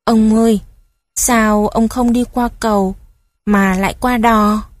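A woman's voice: on the high side, fairly even intonation, takes it slowly, no echo. A woman voicing an eager, curious young boy asking his grandfather questions.

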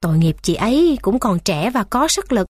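A woman's voice: mid-range voice, very animated, normal speed, slightly rough, no echo, clean studio sound. A woman voicing hospital nurses who sound concerned and surprised.

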